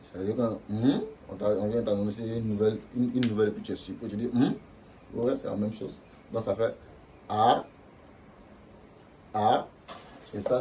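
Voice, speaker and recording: Male teacher, dark mellow tone, patient explainer who sounds out syllables, faint background hiss. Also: fairly low pitch, fairly even intonation, fairly quick, muffled recording. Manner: demonstrates tones by drawing out syllables. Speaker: language teacher. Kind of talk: explaining lesson to viewers.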